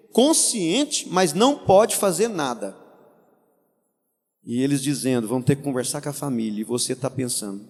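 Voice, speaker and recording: Emotional pastor, soaring and hushed. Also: male voice, on the high side, long reverb tail. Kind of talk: sermon.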